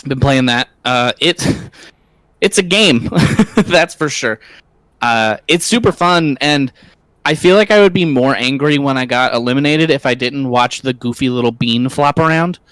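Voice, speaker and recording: A man chats informally on a gaming livestream. His voice is crisp and resonant, recorded dry, and he sounds amused at himself. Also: mid-range voice, unhurried, a bit bright, dry recording. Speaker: livestream panelist. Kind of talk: casual gaming chat.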